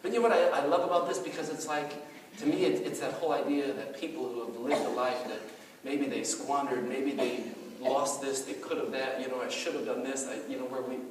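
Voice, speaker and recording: A middle-aged male pastor giving a sermon in an animated, conversational storytelling way, with many asides. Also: mid-range voice, fairly quick. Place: church hall. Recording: echoey hall, mic far off, faint noise.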